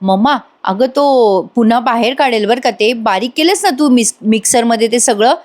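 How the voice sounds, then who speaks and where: A woman's voice: fairly high pitch, moderate pace, lightly acted. A woman voicing an anxious young mother who pleads with her own mother over a video call. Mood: worried. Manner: worried, pleading.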